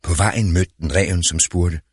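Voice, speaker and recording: A man narrating a fairy tale in a slow, deliberate storytelling manner. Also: low-pitched, steady tone, breathy edge, no room sound, studio quality.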